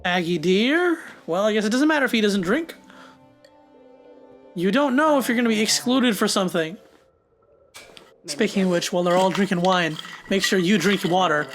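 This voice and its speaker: A young man hosting a reaction video, talking back to the screen with quick asides and laughs. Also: sits high, a bit bright, faint music behind. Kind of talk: casual reaction commentary.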